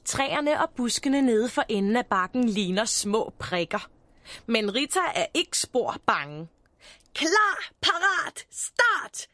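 A woman narrating a children's picture book in an expressive, animated way. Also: fairly high pitch, dry recording.

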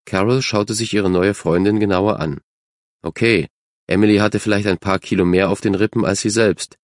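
Man, audiobook narrator, low voice, measured, dry close sound. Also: steady tone, no room sound. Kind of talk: scripted narration.

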